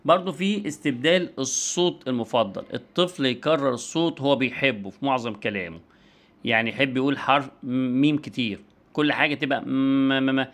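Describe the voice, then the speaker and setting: A man's voice: medium pitch, a bit bright. A man with an Egyptian Arabic accent giving an online lecture and demonstrating speech sounds as he explains.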